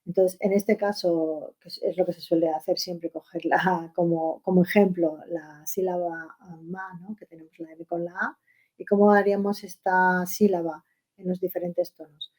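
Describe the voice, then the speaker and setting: A woman's voice: lowish voice, fairly even intonation, normal speed, darkish tone. A woman from teaching a Chinese language webinar, explaining step by step with fillers and a habitual "¿no?". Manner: explanatory, frequent fillers and rhetorical "¿no?". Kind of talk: webinar lesson.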